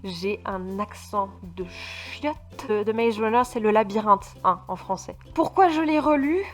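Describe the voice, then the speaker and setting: A woman's voice: medium pitch, lively intonation, a little slow. A woman from France chatting casually about books in a vlog, stumbling and restarting often with lots of fillers, and speaking emphatically about her feelings. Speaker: book vlogger. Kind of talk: casual book review chat.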